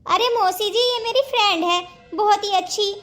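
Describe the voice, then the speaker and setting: A woman's voice: very high voice, normal speed, a bit bright. A woman voicing a polite young cartoon wife. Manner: polite, respectful.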